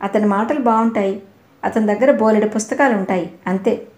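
A woman's voice: mid-range voice, fairly quick, a little mellow, echoey room, lightly acted. A woman voicing a naive, innocent teenage girl in an audio novel, talking earnestly.

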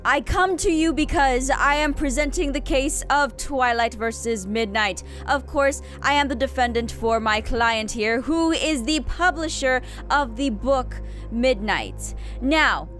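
A woman playing a sassy, overconfident, bumbling young female lawyer in a courtroom role-play, theatrical, halting and self-important. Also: sits high, a bit bright, soft background music. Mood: mock-confident.

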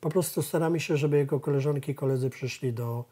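A man's voice: mid-range voice, fast, dark tone, husky. A middle-aged man, a professor and therapist, talking in a studio interview and acting out family dialogues as he tells stories. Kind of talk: studio talk show interview.

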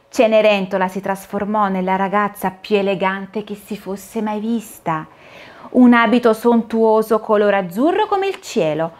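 A woman storyteller narrating a children's fairy tale in a soft, expressive way. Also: mid-range voice.

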